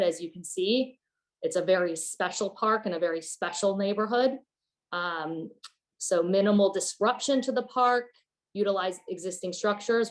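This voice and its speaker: A woman representing a neighborhood group, presenting design principles in a conversational way with fillers. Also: mid-range voice. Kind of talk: online presentation.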